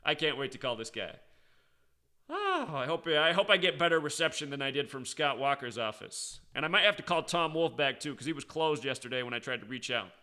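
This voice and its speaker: An American online commentator and video host speaks unscripted in an insistent, sarcastic manner, repeating key words for emphasis. His mid-range voice is sing-song, fairly quick, pushed and bright.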